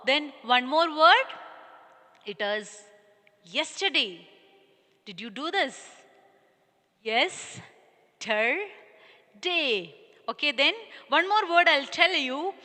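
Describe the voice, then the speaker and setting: A woman, teaching young children a recorded lesson and slowly sounding out words syllable by syllable. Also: sits high, pushed and bright, long reverb tail. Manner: slow, deliberate, spelling out syllables and calling listeners "dears". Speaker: primary school English teacher.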